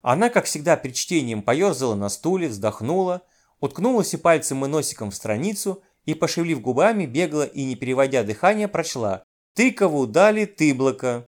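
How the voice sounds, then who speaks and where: A man reading a children's story aloud with lively, exasperated comic storytelling. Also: a little high, a little fast.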